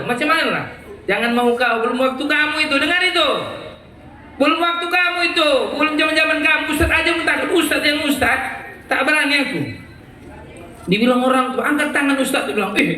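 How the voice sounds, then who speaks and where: Middle-aged male preacher, bright high voice, booming hall echo. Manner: animated storytelling, acting out dialogue. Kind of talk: lively sermon to youth. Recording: very echoey hall.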